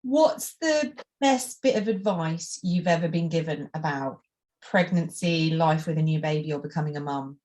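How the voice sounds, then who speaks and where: A woman hosting an interview, asking thoughtful, measured questions with some restarts. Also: low voice, a little mellow. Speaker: interview host. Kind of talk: conversational interview.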